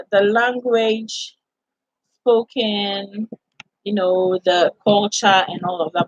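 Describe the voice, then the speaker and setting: A Ghanaian woman hosts a casual live chat, talking straight to her viewers in a loose, inviting way. Her voice has a husky edge. The sound is dry and dull, like lo-fi stream audio. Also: mid-range voice, no room sound. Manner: chatty, warmly inviting, peppered with "like" and "you know".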